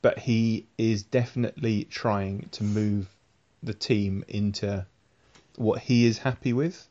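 A man's voice: lowish voice, steady tone, takes it slowly, a little mellow. Man explaining comics, muffled audio. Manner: explanatory, patient. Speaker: podcast host. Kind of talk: casual chat.

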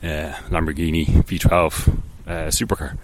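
A man's voice: very deep voice, level tone, normal speed, slight background noise. A man hosting a casual solo podcast, rambling along with many ums, restarts and offhand, self-deprecating asides. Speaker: podcast host.

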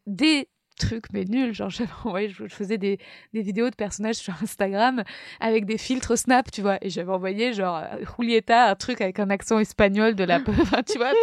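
A woman's voice: fairly high pitch, no echo, studio quality. A woman guest on a podcast tells her story casually, rambling and self-deprecating, with many hesitations. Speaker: podcast guest, first-time author.

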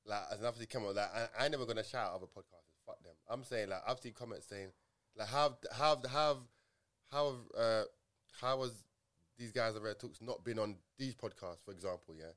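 A man's voice: on the low side, a little fast, a bit bright. A man with a London roadman accent in casual podcast chat, making points emphatically with heavy slang and repetition. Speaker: podcast co-host.

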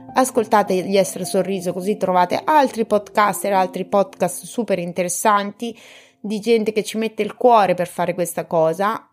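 A woman's voice: on the low side, a little mellow. A woman hosting a solo podcast, talking in a casual, chatty, informal and affectionate way to her listeners. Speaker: podcast host.

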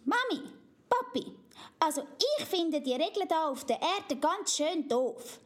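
A woman's voice: sits high, sing-song, a little slow, pitched above the performer's own voice. A woman with a Swiss German accent voicing a small girl princess, eager and stubborn, in a storybook reading, with a pleading manner.

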